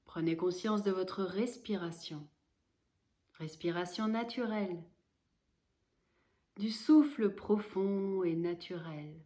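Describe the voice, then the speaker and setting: Speaking in a lowish voice, a yoga nidra instructor eases listeners through guided relaxation, her calm, measured instructions separated by pauses.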